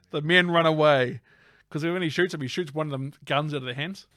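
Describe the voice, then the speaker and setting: A man's voice: a little high, brisk, a bit bright, no room sound, studio quality. A man co-hosting a casual film podcast, narrating scenes playfully. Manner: playful narrating recap, breaks into silly voices. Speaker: podcast co-host.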